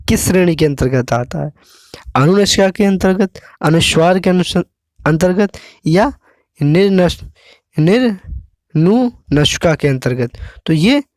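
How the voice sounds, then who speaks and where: A man teaching an exam-prep lesson, explaining slowly and pausing often to check with the viewer. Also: on the high side, darkish tone, no echo, studio quality.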